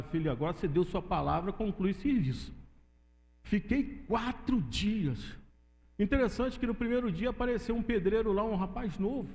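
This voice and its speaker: In a church sanctuary with long hall reverb, a Brazilian man gives a preaching testimony, often calling his listeners "querido," or "dear." His voice is high with a darkish tone.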